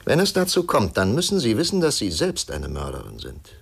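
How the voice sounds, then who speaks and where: An actor playing a stern, persistent male interrogator in a 1950s radio drama, pressing and measured. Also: mid-range voice, wildly swooping pitch, gravelly, husky, heavily acted. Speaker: investigator questioning a witness.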